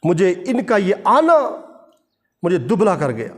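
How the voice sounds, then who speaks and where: A man voicing a male devil who grieves and complains at length in a low, drawn-out lament. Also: wildly swooping pitch.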